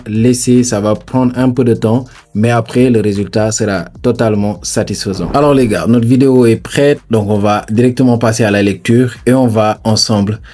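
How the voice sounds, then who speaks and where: Mellow, low-voiced man guiding a tutorial. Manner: chatty, repeats "bien sûr", addresses viewers as "les gars". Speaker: tutorial host. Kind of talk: screen-recorded software tutorial.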